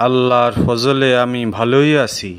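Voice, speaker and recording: A man voicing a kindly angel in a children's cartoon, asking formal questions slowly and solemnly. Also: mid-range voice, level tone, clear, resonant tone, natural voice.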